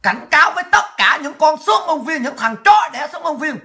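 A woman rants to her livestream audience in a very high, sharp and cutting voice. She is furious throughout, hurling insults and often shouting. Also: expressive, brisk, faint music behind. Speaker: political livestream host. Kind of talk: angry political rant.

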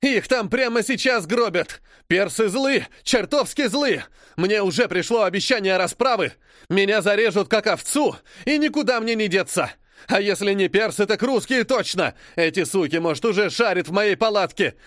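A squealing, high-pitched British spy spits crude threats in a strong British accent, voiced by a man. The voice swings wildly and stays loud and raw. The sound is close and dry. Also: lively intonation, normal speed, no echo. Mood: panicked, furious. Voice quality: shrill, squealing. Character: shrill, vicious male British spy, panicking. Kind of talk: audiobook character voice.

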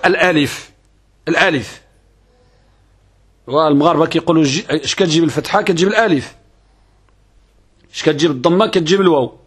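A man's voice: sits high, a bit bright, husky. A man with a Moroccan accent teaching Arabic grammar in a classroom lesson, asking and answering his own questions and repeating key terms.

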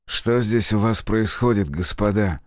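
Man playing a snide cruel gentleman in a storybook, slow smirking drawl, dry close sound. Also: lowish voice, no room sound, lightly acted. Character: sly, cold, cruel gentleman.

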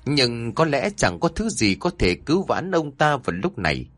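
A man narrating a scripted horror story with dramatic, expressive delivery. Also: mid-range voice, normal speed, no echo.

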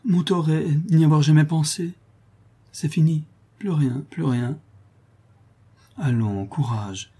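A man's voice: fairly high pitch, fairly even intonation, fairly quick, warm tone, husky, pitched above the performer's own voice. A man voicing a tearful young woman prisoner who is expecting a child, pleading and sobbing with fierce pride. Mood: tearful resolve.

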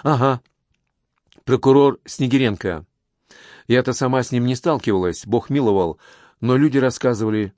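A man's voice: medium pitch, darkish tone, dry recording, close to an everyday voice. A chatty young office woman gossips in a confiding voice, as a male narrator puts her on. It is an audiobook reading, recorded dry and close.

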